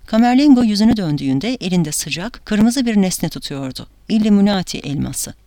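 A woman narrating an audiobook with a dramatic, measured delivery. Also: medium pitch, lively intonation, mellow, dry recording, clean studio sound.

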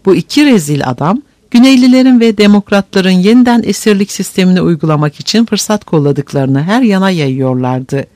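High, lively male audiobook narrator. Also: no room sound.

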